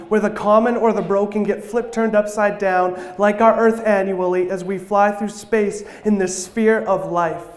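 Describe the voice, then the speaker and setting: A man with a high voice delivers a sermon as slam poetry, his lines landing in rhythmic, rhyming bursts. He speaks to a congregation in a church hall. The sound carries a noticeable echo from the room. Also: a little mellow. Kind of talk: spoken word poetry sermon.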